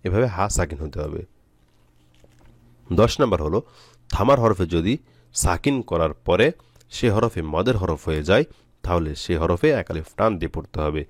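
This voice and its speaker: A man from Bangladesh teaching Quran reading, spelling out letters and vowel marks one by one, then stretching out each recited word slowly. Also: low voice, dry recording, studio quality. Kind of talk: step-by-step recitation lesson.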